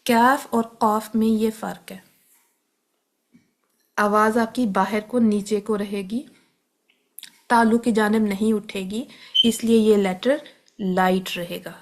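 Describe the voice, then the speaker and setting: A woman teaching tajweed, patiently explaining where letters are formed and repeating each sound slowly, with English words mixed in. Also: mid-range voice, steady tone, a little hiss or hum. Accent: Pakistani Urdu. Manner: patient, step-by-step instruction mixing in English terms. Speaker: Quran recitation teacher.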